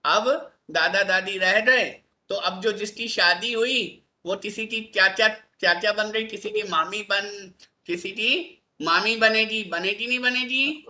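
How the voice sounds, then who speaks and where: Bright-voiced male teacher coaxing his pupils. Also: sits high, unhurried. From India. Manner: coaxing, asks constant tag questions. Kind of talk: classroom lesson.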